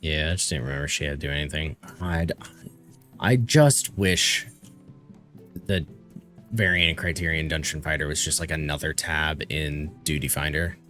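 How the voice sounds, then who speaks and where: A man's voice: very deep voice, moderate pace, pushed and bright, faint music behind. A man streaming a game, chatting casually and swearing offhandedly. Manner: laid-back, swears casually. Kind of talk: casual chat while gaming.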